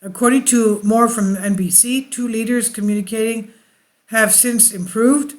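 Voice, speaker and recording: Reading news articles aloud for an online audience, this commentator stumbles through the text and throws in spontaneous comments. The pitch is medium, with fairly even intonation.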